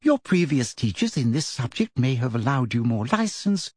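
A man voicing a prim, cold, middle-aged female teacher in a storybook reading, speaking slowly and softly with deliberate sweetness. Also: medium pitch, very animated, breathy edge, no room sound, clean studio sound. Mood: smug. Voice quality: soft, deliberate, half-whispered.

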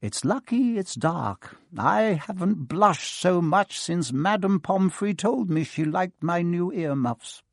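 A guy doing kindly old wizard, slow and soft-spoken, a bit raised in pitch, husky tone. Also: no echo, studio quality, heavily acted. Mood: calm gentle. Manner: gentle, calm, measured and slow. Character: gentle, calm, elderly male wizard headmaster. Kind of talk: audiobook character voice.

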